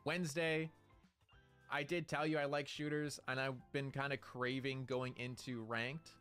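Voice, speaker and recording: A male streamer at an everyday mid pitch, chatting in a playful, excited ramble. He jumps from bit to bit with plenty of energy. Light music sits faintly behind him. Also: unhurried, clear, resonant tone. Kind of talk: casual live-stream chat.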